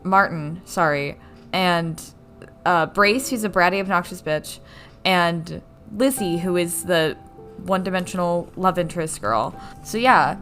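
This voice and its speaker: A woman's voice: on the low side, a little slow, soft background music. A woman co-hosting a podcast, recapping a movie in sarcastic, swear-filled casual chat. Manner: sarcastic, swears freely, animated. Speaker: podcast co-host.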